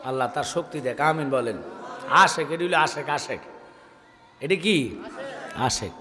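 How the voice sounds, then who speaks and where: A man's voice: animated, a little slow. Man preaching with a long hall echo. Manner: swings from sung, stretched shouting to low, quiet talk with the crowd. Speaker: preacher at an outdoor religious gathering. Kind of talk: chanting Bengali sermon with sung verses. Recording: long reverb through loudspeakers, faint music.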